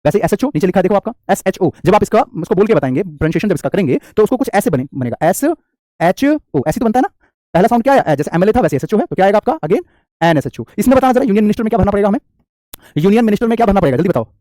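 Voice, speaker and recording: Fast, lively Indian teacher quizzing his class. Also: sits high, no room sound, studio quality. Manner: bilingual, quizzing students with questions and answering himself. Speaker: online English teacher. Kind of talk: live online class.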